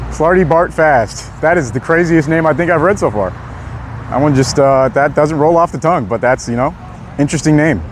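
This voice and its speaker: A young man chatting casually on a live stream outdoors on a city street, laid-back and quick to laugh as he reads out chat messages. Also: mid-range voice. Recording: faint street noise outdoors.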